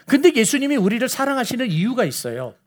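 A man preaching a sermon in a church, emphatic on key lines and dropping soft and low for quoted dialogue. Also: very animated, fast talker. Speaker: pastor. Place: church sanctuary.

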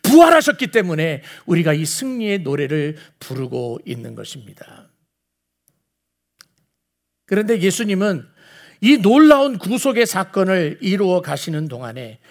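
A man preaching a sermon in a church, emphatic on key lines and dropping soft and low for quoted dialogue. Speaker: pastor. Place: church sanctuary.

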